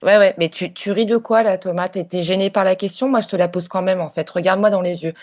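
A woman's voice: mid-range voice, steady tone, fast talker, a little mellow, close to an everyday voice. A woman playing a pushy, self-important field reporter who keeps pressing her questions in a comedy sketch. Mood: insistent. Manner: insistent, bossy.

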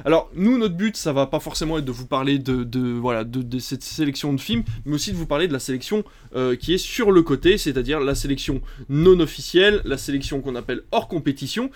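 A man's voice: mid-range voice, lively intonation, a little fast, hardly any pauses. A man hosting a casual film podcast, reading a long list of titles with many hesitant fillers. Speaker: podcast host.

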